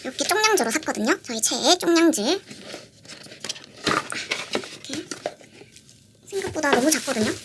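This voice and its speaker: A young woman vlogging as she unboxes merchandise, gushing and excitable, repeating how cute everything is. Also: high-pitched, moderate pace, pauses often. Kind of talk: casual unboxing vlog. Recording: audible background noise with crinkling packaging.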